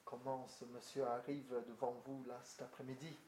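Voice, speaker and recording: Speaking French to a group in an echoey room with faint background noise, an older man from Britain, a pastor with a British accent, stumbles through fillers and restarts. His darkish, medium-pitched voice barely moves in pitch, at a moderate pace.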